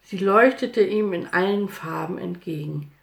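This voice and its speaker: A woman narrating a children's Bible story in an expressive, lively storytelling manner. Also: lowish voice, a little slow, gravelly. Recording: roomy echo.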